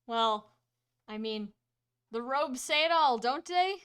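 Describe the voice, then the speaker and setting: A woman's voice: lively intonation, takes it slowly, fairly bright tone, smooth, exaggerated voice. A woman voicing a cowardly male mage in a tabletop game, pleading and panicky. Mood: nervous bluster. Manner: high, shaky, panicked begging.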